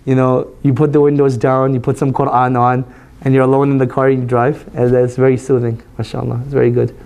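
Hoarse man giving a flat, mellow lecture. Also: medium pitch, a little fast. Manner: relaxed, conversational, frequent "you know". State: hoarse, voice recovering. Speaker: imam teaching a study circle. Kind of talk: religious lecture with Q&A.

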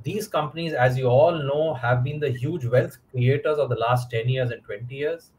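A middle-aged man with an Indian English accent, a fund manager speaking in a measured, explanatory way on a video call. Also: medium pitch, darkish tone, slight background noise, rough recording. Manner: measured, explanatory, many fillers. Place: indoor room.

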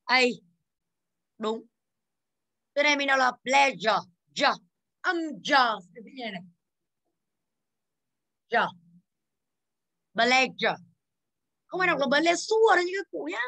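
A woman in her thirties from Vietnam, teaching English in a classroom with a high, bright voice. She moves briskly through exercises, calling on students by name and drilling their pronunciation. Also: expressive, vocal fry.

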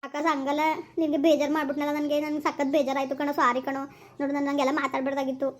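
A woman's voice: high-pitched, monotone, racing, lightly acted. Fretful young village woman, as an actress plays her. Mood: anxious. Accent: rural Kannada. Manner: fretful, sighs and tuts. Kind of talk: village skit acting.

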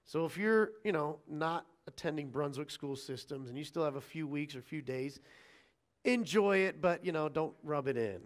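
A male pastor preaching a sermon in an animated, conversational way, acting out scripture dialogue and chatting with the congregation. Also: a little high, normal speed. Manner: animated, acts out quoted lines with shifting voice.

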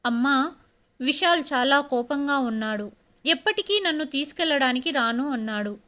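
Stubborn young wife in a storybook, put on by a woman; bright, high, indignant. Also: expressive, normal speed. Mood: hurt, defiant.

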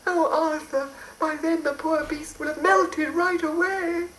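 A woman's voice: steady tone, measured pace. Cooing plump fairy, voiced by a woman. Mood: fussing. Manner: high, soft, cooing. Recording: roomy old cassette recording.

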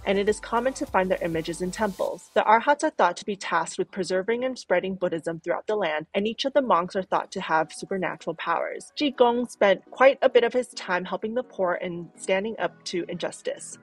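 A Taiwanese travel vlogger narrates her video in a voice-over, upbeat and informative like a tour guide. Her voice is mid-range and slightly rough, with faint music playing in the background.

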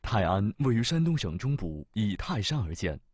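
A man narrating a travel documentary in a measured, formal way. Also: lowish voice, big pitch swings, a little mellow, husky, no echo, clean studio sound. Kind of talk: scripted narration.

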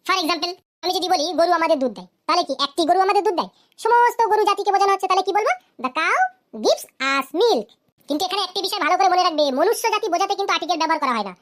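A woman teaches grammar in a cartoon lesson, her voice very high and her pace quick. She asks the class question after question and answers them herself, then says each English example slowly. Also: a bit bright.

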